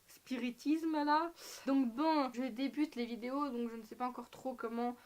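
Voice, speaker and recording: A young woman talking in an unscripted casual vlog, animated and ironic, with slang and many fillers, speaking to a camera at home. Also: high-pitched, normal speed. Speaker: anime vlogger. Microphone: camera mic.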